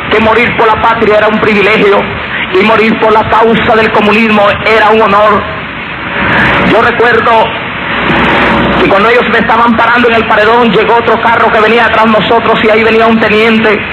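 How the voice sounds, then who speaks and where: Male preacher from Guatemala with a Guatemalan accent and a high, level voice, earnest testimony, lo-fi recording under heavy noise. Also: little pitch movement, fairly quick. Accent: Guatemalan Spanish. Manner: earnest, addresses listeners as brothers. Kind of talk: testimony sermon. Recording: muffled lo-fi recording with loud background noise.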